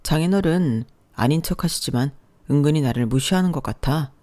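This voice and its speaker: A narrator voicing a young husband who is touchy and speaks in a resentful, accusing way. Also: male voice, fairly high pitch, brisk, dark tone, lightly acted.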